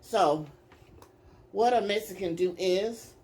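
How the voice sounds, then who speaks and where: A woman's voice: medium pitch, slow, noisy background. A woman hosting her own eating video, chatting casually and directly to her viewers. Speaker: mukbang vlogger. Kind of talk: casual chat to camera.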